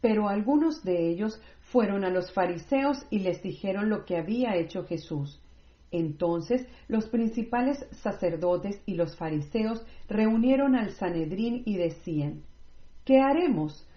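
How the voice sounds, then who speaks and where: A woman reading scripture aloud in a measured, scripted way, with no commentary. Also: mid-range voice, animated. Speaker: Bible reader. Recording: roomy, slightly dull recording.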